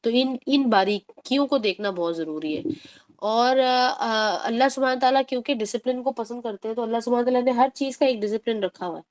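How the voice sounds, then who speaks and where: A woman teaching a tajweed lesson, explaining patiently, mixing in English words and drawing out recited words slowly to demonstrate. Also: fairly high pitch, a little mellow. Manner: mixes English words into her talk.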